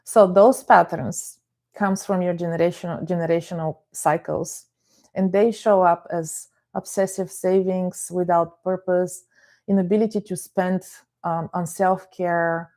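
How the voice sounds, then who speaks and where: A calm, explanatory live-stream talk comes from a middle-aged Bulgarian therapist and life coach who greets viewers by name. She speaks unhurriedly, with a voice on the low side.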